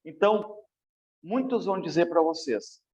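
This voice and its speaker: A Brazilian Portuguese-accented man leads an exam review class in literature. His voice sits a bit high, and he keeps turning to the students to check they follow. The recording sounds dull and lo-fi. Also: normal speed. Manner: lively, addresses students directly with frequent checks. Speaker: literature teacher.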